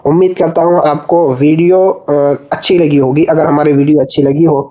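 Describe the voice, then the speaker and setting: A male teacher gives a recorded reading lesson. He works slowly and patiently, spelling out each syllable, and addresses listeners as brother. His voice sits a little high with a mellow, dark tone, captured on a dull, lo-fi recording. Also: flat delivery.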